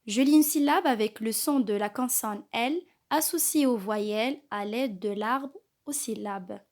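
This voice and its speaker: A woman teaching a kindergarten reading lesson, slowly and carefully sounding out each letter and syllable. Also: a little high. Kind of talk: slow scripted reading lesson.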